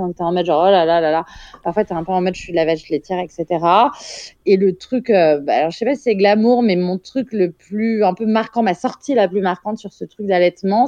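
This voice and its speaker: A woman's voice: mid-range voice, warm tone, dry recording, muffled recording. A young woman, a mother, telling a story frankly and vividly in a casual interview, swearing now and then. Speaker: guest, mother.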